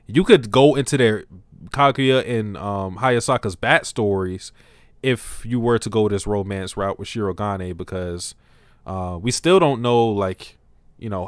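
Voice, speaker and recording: A man hosting a casual livestream podcast, talking in an animated, slangy way and laughing often. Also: lowish voice, dry recording. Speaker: podcast host.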